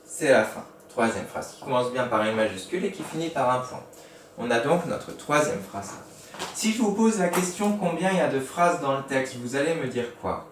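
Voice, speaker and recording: A man teaching young pupils a recorded grammar lesson in speech, patient and slow, spelling out each step. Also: medium pitch, expressive, a little hiss or hum. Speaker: primary school teacher. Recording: echoey room, mic at a distance.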